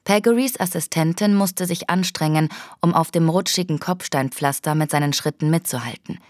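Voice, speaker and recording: A woman reads a children's audiobook aloud in a clear, even storytelling voice. Her voice sits on the low side for a woman, and the recording is close and dry, with no room sound. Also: moderate pace, dry recording. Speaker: audiobook narrator. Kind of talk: scripted narration.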